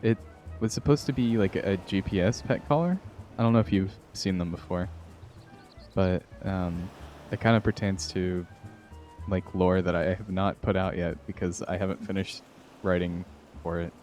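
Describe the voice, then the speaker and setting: A male game streamer with a low voice talks to viewers in a playful, chatty way. His delivery is casual and informal, and music plays behind him. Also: fairly even intonation, normal speed, a little mellow. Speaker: livestreamer. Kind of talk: casual gaming livestream chat.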